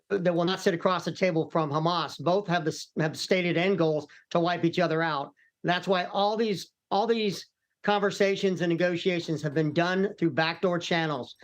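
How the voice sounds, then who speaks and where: Middle-aged American male security expert, calm and explanatory, fairly high voice, live news analysis. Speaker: retired military commander and hostage expert guest.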